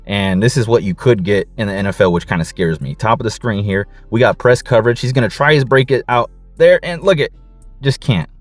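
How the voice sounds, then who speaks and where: A man coaching and breaking down football game film, excited, casual, and repeating his catchphrases. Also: fairly low pitch, brisk, no room sound, faint music behind.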